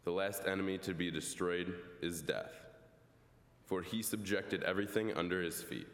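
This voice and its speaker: A man reading scripture aloud at Mass in a slow, measured way. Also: low voice, fairly even intonation. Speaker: lector. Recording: echoey church hall.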